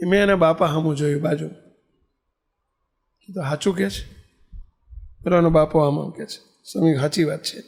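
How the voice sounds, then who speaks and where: A man's voice: on the high side, fairly even intonation, moderate pace, vocal fry, pauses often. A man with a Gujarati accent giving a sermon as a swami, telling stories and acting out the dialogue, repeating phrases for emphasis. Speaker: swami giving a religious discourse. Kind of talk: sermon with storytelling.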